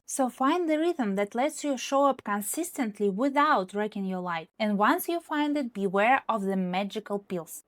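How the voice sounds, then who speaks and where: A social media consultant who isn't a native English speaker gives direct, emphatic advice in a scripted talk to camera. Her voice is on the high side, and there's no echo.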